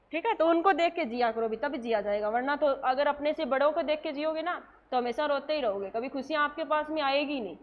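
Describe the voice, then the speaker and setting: A woman's voice: high-pitched, phone-quality sound. A woman teaching a nursing class in a lecture style, asking questions and answering them herself.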